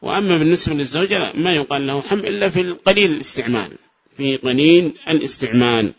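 A man from Yemen teaching a grammar lesson, quizzing listeners with short rhetorical questions and repeating examples slowly. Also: fairly high pitch, creaky, a crowd in the background. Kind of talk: classroom lecture. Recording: dull lo-fi lesson recording.

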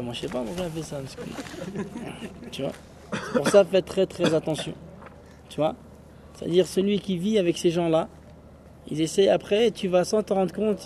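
A man teaching an Arabic class in a rather high, mellow voice. He explains in French, slips in Arabic phrases and keeps checking whether his students follow. A faint hiss of noise sits under the recording. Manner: explains in French mixed with Arabic phrases, asks "tu vois?" often.

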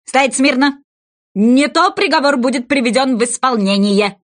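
A woman's voice: high-pitched, normal speed, close to an everyday voice. A woman voicing a bossy, impatient male king who barks commands at his court. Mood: imperious. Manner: commanding, barking orders.

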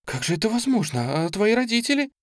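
A man's voice: high-pitched, sing-song, brisk, no room sound, studio quality, voice pushed up. A man reading a story, voicing a timid, lonely young woman who speaks hesitantly and plaintively. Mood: dismayed.

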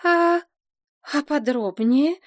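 A woman voicing a quick-tempered young princess who gives commands in an indignant, commanding tone. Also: high voice, very animated, dry recording, studio quality, pitched above the performer's own voice. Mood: bossy.

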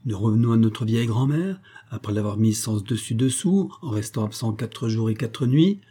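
A man voicing a shrill, cajoling old grandmother from a city slum in an audiobook. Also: expressive, moderate pace, dark tone, husky. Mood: wheedling. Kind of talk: audiobook character voice.

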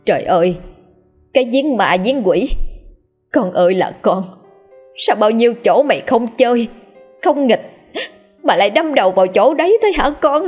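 A woman's voice: a little high, expressive, normal speed, long pauses, darkish tone, faint music behind, pitched above the performer's own voice. A woman voicing a frantic village mother from the north of Vietnam, lamenting through tears. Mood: wailing. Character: village woman wailing over lost child.

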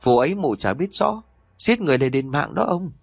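A man voicing a cruel middle-aged wife who nags and goads her husband in quick, urgent speech. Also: on the high side, expressive, creaky, dry recording, studio quality, pitched above the performer's own voice. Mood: scheming urging. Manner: hissing, urgent whispering and goading.

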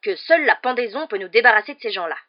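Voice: medium pitch, sing-song, fairly quick, lightly acted. Reader doing a blustering, furious fat uncle. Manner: shouting, stern and menacing. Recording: dull lo-fi recording.

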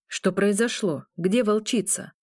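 A woman's voice: mid-range voice, a little slow, darkish tone, no room sound, studio quality, natural voice. A woman reading a curt, stern pack leader. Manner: curt, clipped. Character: terse stern older man, pack Alpha and uncle.

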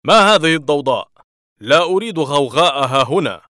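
A cold, stern office director speaks in firm, measured reproach, as a man reads him in a story. His voice sits at a middle pitch. The recording is close and dry. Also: a bit bright, dry recording, lightly acted.

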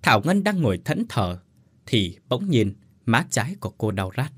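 A man's voice: mid-range voice, very animated, normal speed, husky, no room sound. A man narrating a dramatic family tragedy story in a grave, dramatic manner. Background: faint music.

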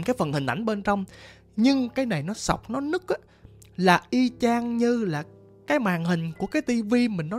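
A storyteller with a Southern Vietnamese accent retelling a ghost story, vivid and animated, acting out sounds. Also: medium pitch. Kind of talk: retold ghost story narration.

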